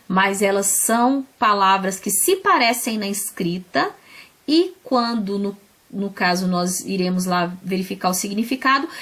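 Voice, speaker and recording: A Portuguese-speaking woman teaching English vocabulary, explaining patiently, often checking in with her students and slowing down to spell out example words. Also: medium pitch, fairly bright tone. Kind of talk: recorded classroom lesson.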